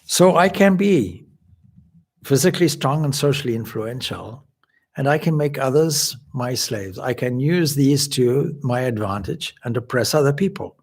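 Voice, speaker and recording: A man from Zimbabwe delivers a spiritual lecture as a swami, explaining points in a measured way. His voice is gravelly with a husky edge. He sits at a middle pitch. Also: animated. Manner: measured, explanatory, with occasional restarts. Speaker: swami giving a spiritual talk.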